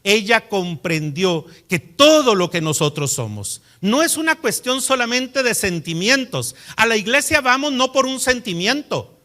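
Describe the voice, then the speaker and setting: A man preaching a sermon as a pastor, telling stories in an animated and emphatic way. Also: high voice, a little slow.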